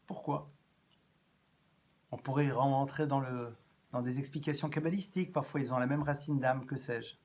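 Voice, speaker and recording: A man giving an evening lecture as a rabbi, animated, swinging between loud rises and soft drops and repeating phrases as he thinks. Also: medium pitch, normal speed, pauses often. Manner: repeats and restarts phrases as he talks.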